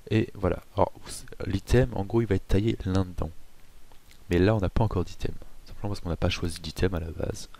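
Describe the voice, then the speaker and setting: A man hosting a casual software tutorial, chatty with self-mocking asides and frequent hesitations. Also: low voice, steady tone, a little fast, vocal fry. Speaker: tutorial host.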